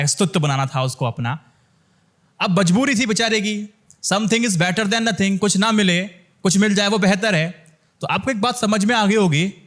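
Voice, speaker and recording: A man's voice: high-pitched, a bit bright. A young man giving opinionated news commentary, talking straight to his viewers and firing rhetorical questions at them.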